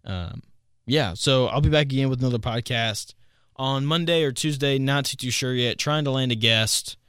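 A man's voice: mid-range voice, moderate pace, fairly bright tone, clear, resonant tone, no echo, clean studio sound. A man in his twenties hosting a casual solo podcast, amused and often laughing at his own stories. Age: 20s. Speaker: podcast host.

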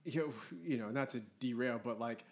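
A man in a casual podcast conversation who talks in a relaxed way and often drops in short agreeing replies. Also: mid-range voice, a little fast. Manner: relaxed, with frequent short backchannels. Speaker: podcast guest.

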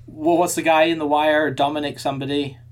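A man's voice: a little high, little pitch movement, brisk. A man co-hosting a podcast in casual chat, thinking aloud with frequent restarts and repeated words. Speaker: podcast co-host.

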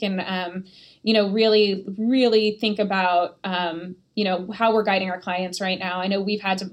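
Chatty woman, filler-heavy talk. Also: mid-range voice. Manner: chatty, lots of likes and fillers. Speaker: podcast co-host, PR agency. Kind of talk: casual podcast chat.

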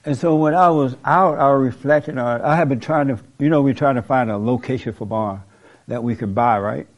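Speaking fairly quickly in a medium-pitched voice, a man hosts a call-in talk show in a preachy, emphatic style. He repeats his main points, jokes now and then, and laughs, and the audio is dull and lo-fi.

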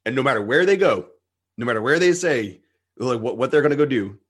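Husky blunt-talking male host. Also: mid-range voice, fairly quick. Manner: blunt, profane, animated. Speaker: podcast host. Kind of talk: casual podcast conversation.

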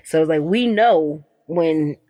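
A woman activist from the United States, talking in an emphatic, animated way in a casual interview and acting out the exchanges she describes. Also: deep voice, slow, no echo. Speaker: activist guest.

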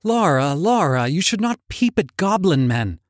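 A man's voice: a little high, big pitch swings, a little slow, no room sound, clean studio sound, pitched above the performer's own voice. A man voicing Lizzie, a frightened, virtuous young woman warning her sister away. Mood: alarmed. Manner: alarmed, pleading.

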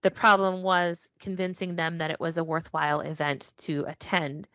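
Lady guest chatting on a podcast call, lowish voice, lots of ums, kinda muffled and dry. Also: level tone, normal speed, sharp tone, no echo. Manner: chatty, frequent ums and restarts. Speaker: podcast guest, packaging professional. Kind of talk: casual interview talk over a call.

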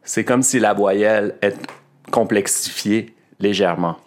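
A man's voice: fairly low pitch, a little slow. A man hosting a French pronunciation lesson podcast, explaining patiently and repeating words to demonstrate their sounds. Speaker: French teacher and podcast host.

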